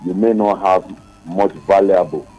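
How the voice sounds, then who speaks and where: A man's voice: deep voice, fairly even intonation, normal speed, dark tone, soft background music. A man calling in to a radio talk show, speaking earnestly and repeating his points, his voice muffled as if heard through a wall over a dull phone line. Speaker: caller.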